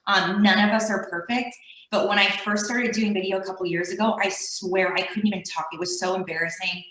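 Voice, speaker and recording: A woman speaks candidly on a panel in a bright, sharp voice. Her s sounds whistle, and her manner is self-deprecating. The sound is roomy and echoey. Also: mid-range voice, fairly even intonation, fairly quick.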